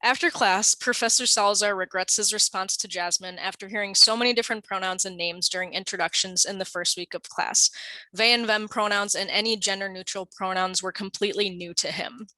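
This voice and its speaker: A woman reads the scenario narration in a measured, deliberate way. Her voice is bright and sharp. The recording is dry and close. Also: medium pitch, steady tone, dry recording, rough recording. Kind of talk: scripted narration.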